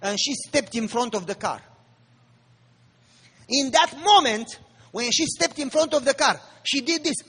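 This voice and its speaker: A man's voice: extremely high pitch, lively intonation, a little slow, pauses often, a bit bright, slightly rough. A man preaching a sermon, speaking emphatically and firing rhetorical questions at the congregation. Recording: long reverb of a large hall.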